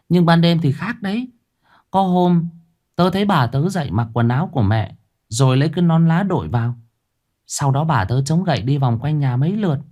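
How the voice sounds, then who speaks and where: A frightened young village girl tells her secret in a high, pushing voice that swings up and down, as a male storyteller plays her. She is earnest and insists on being believed. It is heard in a spoken ghost story. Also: darkish tone.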